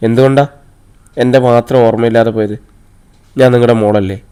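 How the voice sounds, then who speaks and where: A man's voice: medium pitch, fairly even intonation, brisk, dark tone, smooth, natural voice. A man reading the part of a hurt, defiant young woman who answers bitterly and accusingly.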